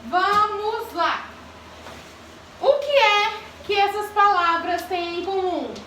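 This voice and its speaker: A woman's voice: very high-pitched, slow, pushed and bright, a little hiss or hum. A woman teacher giving a grammar lesson to children, asking the class questions and calling on pupils by name. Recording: echoey classroom from far off.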